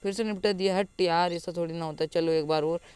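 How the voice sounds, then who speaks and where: Young male gaming host, rowdy live commentary, higher voice with a clean, clear tone. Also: fairly quick, dry recording. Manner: excitable, yelling at enemies, playful taunts. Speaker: gaming YouTuber.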